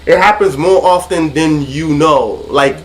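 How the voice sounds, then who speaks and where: Haitian-born male co-host, a bit high-voiced, jokey storyteller, faint hiss behind. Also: measured pace. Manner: joking, laughs often, storytelling. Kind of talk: casual group chat on a video call.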